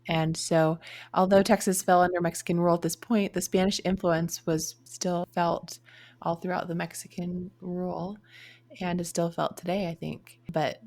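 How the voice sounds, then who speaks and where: A woman co-hosting a genealogy podcast, explaining history in a measured, thinking-aloud way. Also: fairly low pitch, darkish tone. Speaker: podcast co-host. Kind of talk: conversational podcast discussion.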